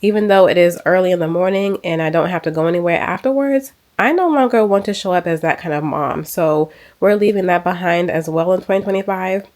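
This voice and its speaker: A woman's voice: fairly low pitch, fairly quick, few pauses, darkish tone. A woman in her thirties from the United States, chatting casually to camera in a lifestyle vlog, emphatic and fond of repeating her points. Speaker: lifestyle vlogger. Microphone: small handheld camera mic.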